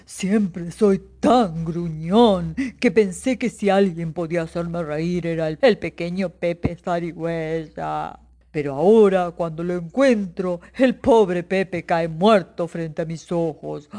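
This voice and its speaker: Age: old. Figure: grumpy male bear voiced by a woman. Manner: loud, wailing. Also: lowish voice, slow pace, pitched below the performer's own voice. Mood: lamenting.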